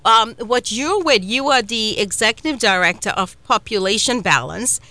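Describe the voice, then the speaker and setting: A woman from Trinidad and Tobago hosting a casual interview, telling stories with animated laughter. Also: a little high, moderate pace, no room sound. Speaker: show host.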